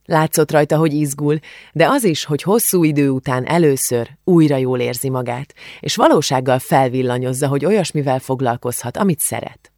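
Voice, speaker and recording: A man narrating an audiobook in a calm, steady reading voice. His pitch sits in the middle range and the recording is dry and close, with no room around it. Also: no echo.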